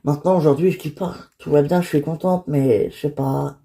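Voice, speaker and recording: Young woman fresh out of prison, voiced by a woman, low, mellow, halting delivery. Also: steady tone, vocal fry. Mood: downcast. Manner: hesitant, halting speech. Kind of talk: homemade toy-figure drama.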